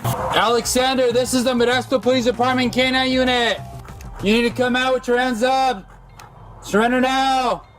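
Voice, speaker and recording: A man's voice: very high voice, steady tone, soft background music. Man's commanding voice through a megaphone. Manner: loud, slow, commanding warnings. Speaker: police dog handler. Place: outdoors near a backyard.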